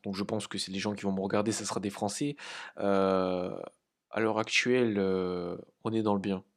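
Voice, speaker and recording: A man from France hosts a crypto trading channel, offering casual market analysis in a lowish voice with flat delivery. His informal talk is halting, full of fillers, light laughs and casual swearing.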